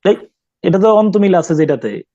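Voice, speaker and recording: A male teacher giving a classroom poetry lesson, questioning students and pausing often to search for words. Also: high-pitched, animated, warm tone, no room sound, lo-fi sound. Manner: stops to quiz students, mixes English terms, many hesitations.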